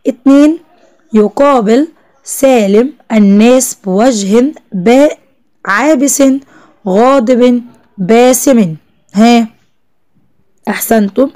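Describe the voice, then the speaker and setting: A woman's voice: fairly high pitch, dark tone. Egyptian woman teaching young children. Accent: Egyptian Arabic. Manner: drawn-out slow spelling of words, encouraging praise to children. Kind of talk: first-grade Arabic lesson.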